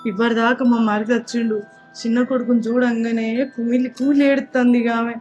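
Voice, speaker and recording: Woman doing worried village wife, telangana accent, high fast voice, bit dull sound. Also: little pitch movement, darkish tone, faint music behind, natural voice. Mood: urgent. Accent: Telangana Telugu. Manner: urgent, instructing. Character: worried young village wife, taking charge.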